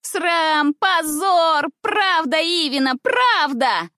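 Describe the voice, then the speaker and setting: Spiteful young schoolgirls crowd in with sing-song, jeering taunts, as a woman reads them. The voice is pitched high and loud and sounds close and dry. It belongs to a storybook reading. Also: lively intonation, a little slow, no room sound. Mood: shouting.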